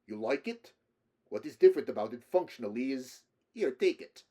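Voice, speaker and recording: A man voicing a jovial middle-aged male android posing as a Russian policeman, with a put-on Slavic accent and a loud, cheerful, boastful manner. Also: mid-range voice, expressive, normal speed, lightly acted. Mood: cheerful boasting.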